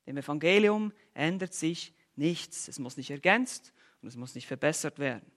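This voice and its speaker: A man preaching an expository sermon, emphatic and full of rhetorical questions and sarcastic asides, swinging between loud bursts and quiet lines. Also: on the high side, animated, normal speed.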